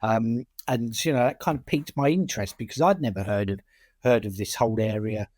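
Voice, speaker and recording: Man, British working-class accent, mid-pitched, interview answers, repeated words and restarts, dry recording. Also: a little fast, darkish tone, no echo. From United Kingdom. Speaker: charity chair and campaigner.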